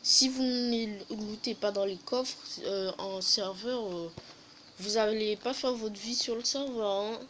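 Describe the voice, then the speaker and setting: A woman's voice: medium pitch, unhurried, a bit bright, slight background noise, low-quality recording. A woman hosting a casual game update review, hesitant, with many fillers and self-corrections and jokey self-mocking asides. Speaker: gaming video host.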